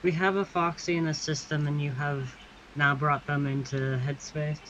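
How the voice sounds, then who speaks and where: Blunt dry interjections, bright tone, dull noisy sound, off the mic. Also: medium pitch, little pitch movement, normal speed. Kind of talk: casual chat.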